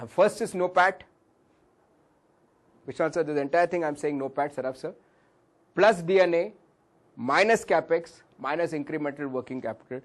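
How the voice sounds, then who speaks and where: A man with an Indian English accent teaching a valuation workshop, whose voice cracks at times; he calls the listeners sir and drops into Hindi phrases. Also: on the high side. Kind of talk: classroom lecture with audience questions.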